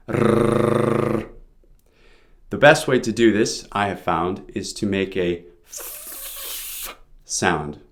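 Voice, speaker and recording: A man giving an informal pronunciation lesson, explaining sounds step by step as a teacher. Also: on the low side.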